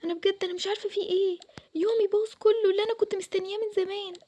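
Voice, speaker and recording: A woman's voice: high-pitched, fairly even intonation, racing, darkish tone, slight background noise. A woman voicing a young bride who is upset and complaining, in an Egyptian accent. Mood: tearful. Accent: Egyptian Arabic. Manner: complaining, pleading. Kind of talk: Toca Boca roleplay voiceover.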